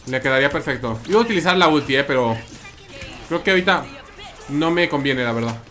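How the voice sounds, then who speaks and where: A man's voice: mid-range voice, expressive, fast talker, bright, forceful tone. A man with a Mexican accent commenting live on his gameplay, chatting with viewers and repeating his phrases. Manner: chatty, repeats phrases, reads and answers chat. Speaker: streamer.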